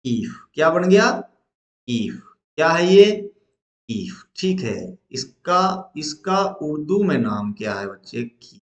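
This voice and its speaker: A man's voice: fairly high pitch, very animated, takes it slowly, echoey room. A male teacher, leading a lesson at the board, asking questions and answering them himself.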